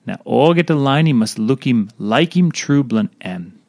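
A man's voice: medium pitch, animated, a little slow, creaky, darkish tone, dry recording, studio quality. A man with a Papua New Guinean accent reading a scripted devotional talk. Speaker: devotional reader.

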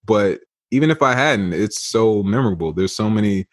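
Dude with a lowish voice riffing on a movie, dry close mic sound. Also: male voice, animated, normal speed, no room sound. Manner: joking, wry asides. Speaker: podcast co-host. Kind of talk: casual movie-review chat.

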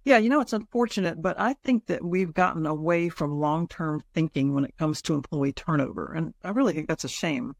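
A man with a slightly high, creaky voice co-hosts an advice podcast. He talks through semi-scripted points in a dry, close recording. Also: a little fast, few pauses, no echo. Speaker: podcast host.

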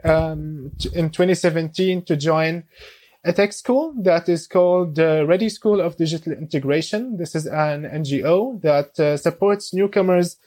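A man in his twenties from Syria, a guest on a podcast, speaking English with many pauses, fillers and restarts. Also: on the high side, darkish tone. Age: 20s. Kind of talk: casual interview.

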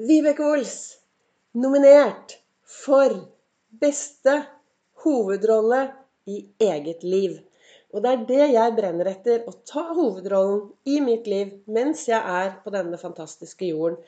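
A woman's voice: mid-range voice, mellow. A middle-aged woman hosting a motivational solo podcast from her living room, talking to the listener in an earnest, encouraging way. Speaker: podcast host.

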